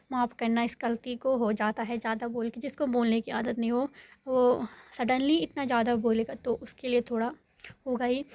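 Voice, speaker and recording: Young woman, casual vlog, rambling and self-correcting, slightly high voice, dry close phone sound. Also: a little mellow, dry recording. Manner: rambling, self-correcting, addresses viewers as guys. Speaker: vlogger. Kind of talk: casual chatty vlog monologue. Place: home in a village.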